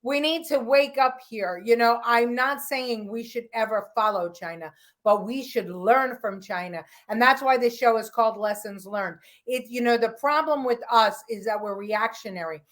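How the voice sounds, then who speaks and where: Woman talk-show host, opinionated, emphatic, voice on the higher side. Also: moderate pace, hardly any pauses, fairly bright tone. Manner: emphatic, opinionated, many restarts. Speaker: podcast host. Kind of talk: political talk show chat.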